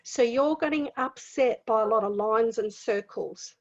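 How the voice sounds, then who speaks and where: A woman's voice: fairly high pitch, measured pace, a little mellow. A woman giving a spiritual teaching talk in a conversational way, repeating phrases for emphasis. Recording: dull lo-fi sound.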